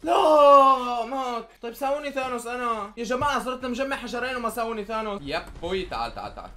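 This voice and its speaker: A young man from Syria with a Syrian Arabic accent, commentating his own gameplay live, excitable and often shouting or pleading at other players. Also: very high-pitched, racing, slight background noise. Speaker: gaming YouTuber.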